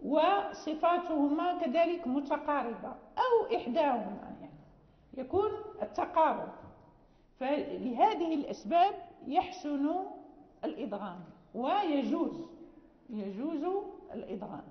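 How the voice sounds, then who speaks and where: A woman's voice: high voice, animated, unhurried. A woman teaching a class on Quran recitation, explaining patiently and often checking that students follow. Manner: patient explaining, frequent restarts and checking questions. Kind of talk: classroom lecture. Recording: echoey hall, dull lo-fi sound.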